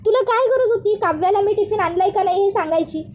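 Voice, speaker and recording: A woman's voice: very high-pitched, quick pace, a little mellow, a little hiss or hum. Woman narrator reading a hot-headed young boss. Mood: angry. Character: young male office boss, short-tempered.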